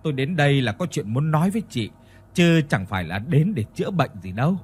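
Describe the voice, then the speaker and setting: A man voicing a calm, wise village healer in a ghost story. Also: on the high side, brisk, slightly rough.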